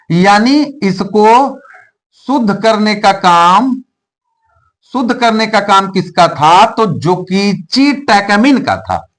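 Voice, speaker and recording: Male biology teacher, higher pitch; repeats terms, quizzes and answers himself, shares memory tricks. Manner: asks questions and answers them himself, repeats key terms. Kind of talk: explaining a biology lesson.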